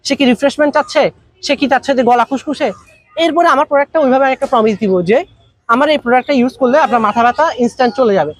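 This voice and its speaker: Rapid high-voiced Bangladeshi man teaching. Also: no room sound. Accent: Bangladeshi Bengali. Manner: conversational, rapid-fire rhetorical questions and everyday examples. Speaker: business trainer. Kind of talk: workshop lecture.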